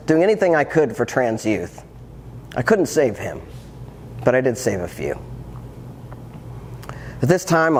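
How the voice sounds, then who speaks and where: Lively-voiced man in his fifties. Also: medium pitch, a little hiss or hum. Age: 50s. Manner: earnest, reflective, with wry humor. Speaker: transformational coach and speaker. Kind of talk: personal storytelling talk. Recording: long hall reverb, faint ambience.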